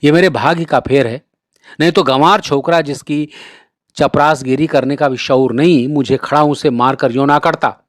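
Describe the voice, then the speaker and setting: A man voicing a proud, sharp-tongued young wife from a rich family in a read-aloud story, making indignant retorts. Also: fairly high pitch, fairly even intonation, moderate pace, no room sound, clean studio sound, natural voice. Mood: bitter.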